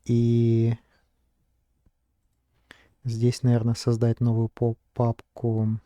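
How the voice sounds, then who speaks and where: Slow, hesitant man thinking aloud. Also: medium pitch, completely flat delivery, dark tone, smooth, no room sound. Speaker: vlogger. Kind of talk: casual screen-recording narration.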